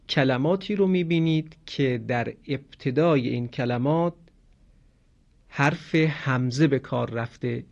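A man teaching a grammar lesson slowly and clearly, stopping to sound out words as examples. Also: medium pitch. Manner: slow, explanatory, demonstrates pronunciation. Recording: dull lo-fi recording.

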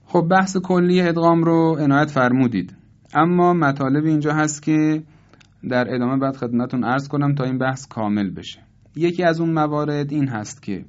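Man teaching Quran recitation rules, deliberate. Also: mid-range voice, darkish tone, lo-fi sound. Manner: slow, deliberate, repeats each example slowly. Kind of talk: tajweed lesson with recited examples.

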